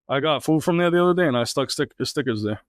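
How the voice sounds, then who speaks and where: A man's voice: mid-range voice, animated, fast talker, dry recording, studio quality. A young man co-hosting a podcast, trading blunt, slangy banter in casual chat. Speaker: podcast co-host.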